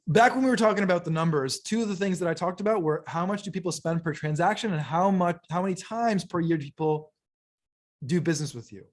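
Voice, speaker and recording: A man coaching business owners in a lively teaching talk, often checking in with "right?" and "okay?" and restarting phrases as he goes. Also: high voice, brisk. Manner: stumbles and restarts mid-phrase.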